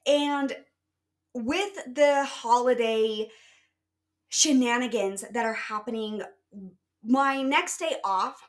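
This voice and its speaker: A young woman hosting her own podcast, talking in a casual, chatty and upbeat way straight to her listeners. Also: on the high side. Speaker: podcast host. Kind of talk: casual solo podcast talk.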